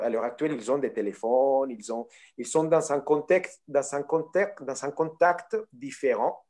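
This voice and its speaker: Man, mid-pitched voice, hesitant, french speaker, online panel answer. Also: darkish tone. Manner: hesitant, searching for words.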